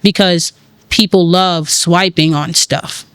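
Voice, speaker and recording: Young woman founder, New York accent, lively and slangy, smooth dry voice. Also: fairly low pitch, takes it slowly, no echo. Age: 20s. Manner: energetic, casual, uses slang and fillers. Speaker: tech founder, guest. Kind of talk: conversational interview.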